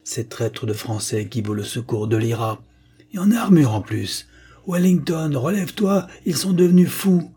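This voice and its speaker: A man's voice: lowish voice, monotone, moderate pace, few pauses, darkish tone, breathy edge. A man voicing a bombastic English commander who shrieks orders through a megaphone in a panic. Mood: hysterical.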